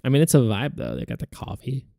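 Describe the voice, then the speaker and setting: A mid-range male voice, fast and mellow with vocal fry, recorded at studio quality with no echo. In a casual study vlog, he learns a language on camera, repeating words after the audio and puzzling aloud over grammar as he thinks.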